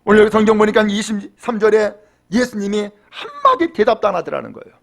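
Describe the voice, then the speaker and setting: Man, pastor, Sunday sermon in church, very high voice, lively swooping delivery, rhetorical questions, shifts from hushed to fervent. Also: quick pace, vocal fry. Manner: emphatic, asks the congregation rhetorical questions; swings from hushed storytelling to raised, fervent exhortation. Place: church during Sunday service.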